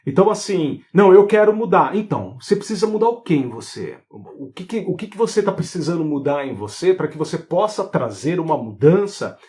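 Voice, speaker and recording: A man hosting a live online talk on spiritual therapy, animated and full of rhetorical questions. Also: a little high, brisk, few pauses.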